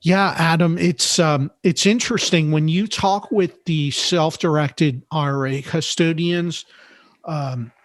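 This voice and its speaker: Man, somewhat high voice, podcast guest, measured explainer, dry close sound. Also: dry recording. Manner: measured, explanatory, repeats words while thinking. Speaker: podcast guest, note investor. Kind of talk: interview conversation.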